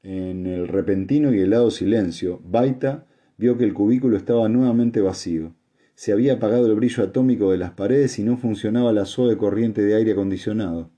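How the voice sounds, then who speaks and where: A man narrating an audiobook in a steady, even reading voice. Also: lowish voice, fairly quick.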